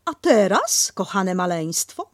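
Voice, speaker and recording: A woman's voice: medium pitch, very animated, takes it slowly, no echo, studio quality. Kangurzyca, a woman playing a doting bossy mother kangaroo. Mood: doting, firm. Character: motherly female kangaroo, brisk and firm.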